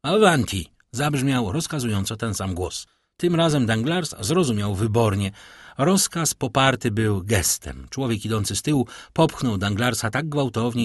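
A man reading a classic novel aloud as an audiobook narrator, telling it expressively with a husky voice. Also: lowish voice, no echo, clean studio sound. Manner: expressive storytelling with vivid intonation.

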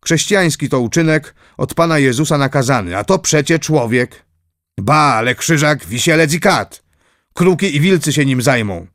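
A man's voice: a little high, expressive, moderate pace, a bit bright, dry recording, clean studio sound, pitched above the performer's own voice. A man voicing a pious, resolute young noblewoman in an audiobook reading, speaking earnestly and firmly. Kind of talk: audiobook character voice.

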